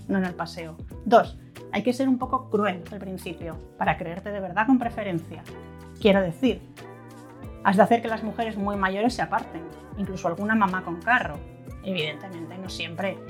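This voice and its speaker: A woman reading a first-person story in a wry, conversational narration, now and then acting out angry outbursts. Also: mid-range voice.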